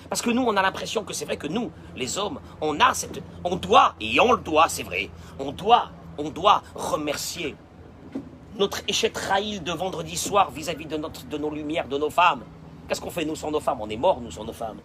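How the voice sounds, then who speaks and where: A male rabbi preaching a sermon, emphatic and repetitive, swinging between loud declarations and hushed asides. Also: on the high side, slight background noise.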